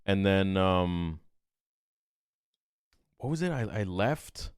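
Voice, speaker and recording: A man, a podcast guest, casually retelling a story in an animated, rambling way, peppered with "I'm like.". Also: sits low, slow, clear, resonant tone, dry recording, studio quality.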